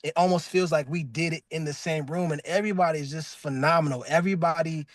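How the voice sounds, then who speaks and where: A male voice actor who plays a cartoon character appears as a guest in a casual interview, talking fast and gushing loosely with lots of "like" and restarts. He describes his own voice as really deep, and the recording is dry.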